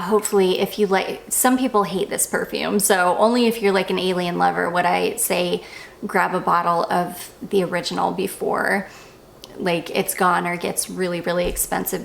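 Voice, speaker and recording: A young woman with a voice of ordinary pitch and a slight gravelly fry gushes about fragrances in a relaxed, chatty way. She pokes fun at herself and keeps wandering onto side tracks. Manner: gushing, goes off on tangents, self-deprecating. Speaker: perfume reviewer. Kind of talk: casual review chat.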